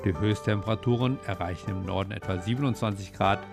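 Guy reading weather + program news, kinda low voice, music going behind him. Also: fast, gravelly.

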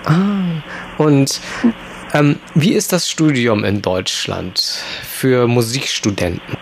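A man hosts a weekend radio magazine and chats with a guest on the phone. He asks relaxed, friendly questions with a few fillers. Faint noise sits behind his voice. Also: medium pitch, takes it slowly, gravelly. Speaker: radio interviewer. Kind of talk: radio interview.

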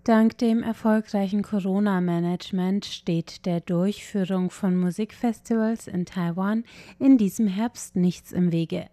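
A woman narrating a scripted radio culture feature in a clear, measured way. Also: mid-range voice, steady tone, dark tone, dry recording. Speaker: culture reporter.

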